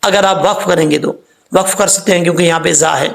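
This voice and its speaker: A man teaching correct Quran pronunciation, explaining each rule and then chanting the words slowly to show how they should sound. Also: high-pitched, steady tone, gravelly, reverberant.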